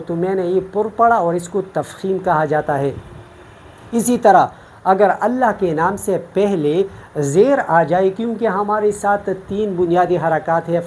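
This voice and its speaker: Slight background noise accompanies this lowish, a little mellow female voice. She's from Pakistan and gives an online Quran recitation lesson, taking each rule patiently, one step at a time.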